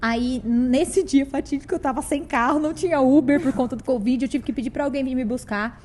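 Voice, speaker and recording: Mulher brasileira falando rápido e animada. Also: female voice, sits high, brisk, slight background noise. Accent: Brazilian Portuguese. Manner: animated, emphatic storytelling. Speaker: guest actress and presenter. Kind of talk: casual podcast chat. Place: podcast studio.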